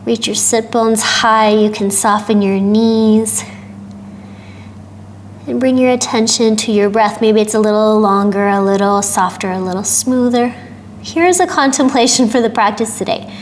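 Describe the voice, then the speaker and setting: Woman, yoga teacher, guided instruction, slow, gentle cueing, faint background noise. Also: medium pitch. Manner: calm, gentle cueing with soft breathy asides.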